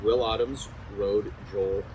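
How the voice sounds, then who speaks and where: A man speaks as a guest on a casual podcast with clear noise around him. He tells anecdotes playfully and likes to tease. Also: fairly low pitch, fairly even intonation, takes it slowly, lo-fi sound. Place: seated in an ice bath at a retreat. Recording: clearly noisy ambient background.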